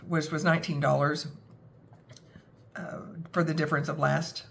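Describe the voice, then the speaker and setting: A woman's voice: deep voice, level tone, moderate pace, creaky. Woman with a scratchy cold-worn voice. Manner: rambling, self-deprecating, with many fillers. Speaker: budgeting vlogger. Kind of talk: casual talk to camera.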